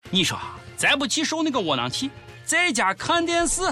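A man's voice: very high voice, wildly swooping pitch, moderate pace, over loud music. A man with a Shaanxi accent hosting a comedy show, delivering scripted commentary in an exaggerated, sarcastic way.

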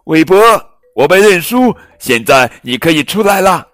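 A man's voice: low voice, animated, moderate pace, a bit bright, dry recording, soft background music. A man voicing a cheerful joking male elephant, raising his voice somewhat above his own in a children's storybook reading.

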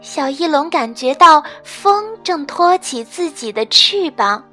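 Woman reading a bedtime story, slow and gentle, high clear voice, soft music behind. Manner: expressive, gentle, with lively sound effects.

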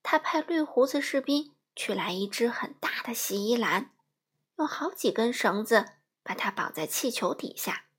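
A mother reading a storybook aloud to children in a gentle, storytelling manner. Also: fairly high pitch, lively intonation, normal speed, husky.

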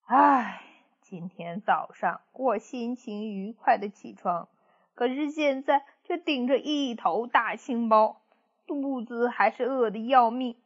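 A woman's voice: on the high side, takes it slowly, muffled recording. A woman voicing a boastful, hungry and hapless male grey wolf who groans and brags. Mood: sorry for himself. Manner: groaning and sneezing, bragging.

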